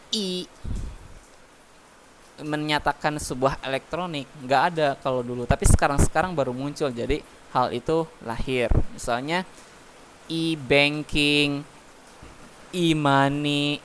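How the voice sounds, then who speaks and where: A man's voice: mid-range voice, a bit bright. A man teaching an English class from home, explaining patiently with many fillers. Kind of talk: online English class, mixing Indonesian and English. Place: home, heavy rain outside. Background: rain noise.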